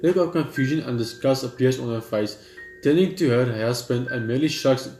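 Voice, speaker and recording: A man with a mid-range voice reads story text aloud at a fairly quick pace for a let's play gaming video, occasionally stumbling over words. The recording has a roomy echo with music behind it.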